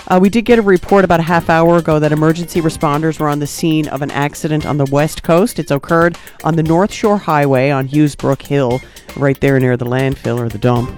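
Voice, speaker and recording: Brief: male radio traffic reporter, conversational and informal, slightly high voice, light music bed. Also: a little mellow. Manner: chatty, informal.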